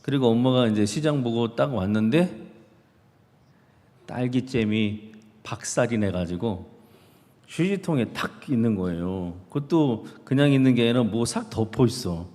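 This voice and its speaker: A man's voice: medium pitch, expressive, a little slow, warm tone. A male pastor preaching a sermon, telling a story conversationally and asking the congregation rhetorical questions. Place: church sanctuary. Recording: reverberant church hall.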